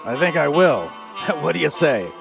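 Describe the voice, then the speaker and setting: An excitable, folksy older uncle in a radio drama. He drawls slowly in a raised voice that swoops widely, bumbling along good-naturedly. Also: fairly high pitch, vocal fry, over music, full character voice. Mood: tipsy, merry. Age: 50s. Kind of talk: live radio play acting.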